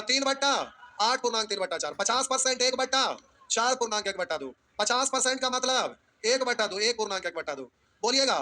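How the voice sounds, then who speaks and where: A man's voice: very high-pitched, pushed and bright. A man teaching math in a classroom, drilling students in call-and-response and teasing those who drift off. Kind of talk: classroom lecture.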